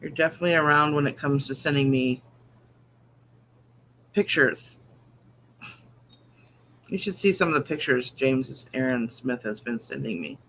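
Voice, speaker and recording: A woman's voice: very deep voice, measured pace, long pauses, a bit bright, low-quality recording. A woman co-hosting a live show in casual chat, with a teasing, correcting manner. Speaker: live online show co-host. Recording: clear background noise.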